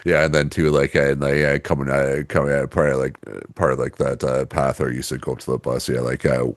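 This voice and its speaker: A man co-hosting a podcast in a casual, rambling way, piling up fillers and false starts. His voice sits very deep and low. The recording is close and dry. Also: flat delivery, fast talker, dry recording. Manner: rambling storyteller, many fillers and restarts, laughs easily. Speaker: podcast co-host. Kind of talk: casual chat.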